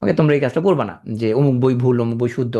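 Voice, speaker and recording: A man with a Bangladeshi accent teaching English grammar in an online lecture, often pausing to quiz his students. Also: mid-range voice. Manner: lively, asks students frequent rhetorical questions.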